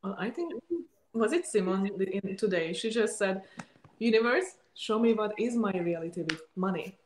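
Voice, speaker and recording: A woman's voice: mid-range voice, moderate pace, reverberant, slight background noise. A woman talking about money in an upbeat, chatty way, acting out little quotes. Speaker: guest speaker on money mindset. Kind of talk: casual motivational talk.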